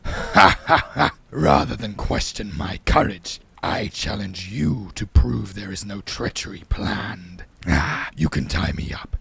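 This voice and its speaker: A man voicing a huge, proud and suspicious male wolf, with slow, menacing, drawn-out words and growled hums. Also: expressive, heavily acted. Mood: defiant. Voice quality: deep growling gravelly voice.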